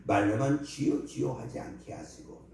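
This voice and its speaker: Preaching Korean pastor in an echoey church. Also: male voice, medium pitch, animated, moderate pace, dark tone, a little hiss or hum. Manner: emphatic preaching, acts out imagined voices of others. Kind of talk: sermon with closing prayer. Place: church sanctuary. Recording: very echoey church hall, mic at a distance.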